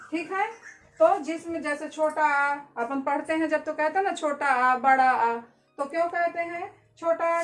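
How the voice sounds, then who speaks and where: A woman teacher giving a lesson slowly, repeating key words and asking questions she answers herself. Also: sits high, echoey room, low-quality recording. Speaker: school teacher. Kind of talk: classroom-style lesson.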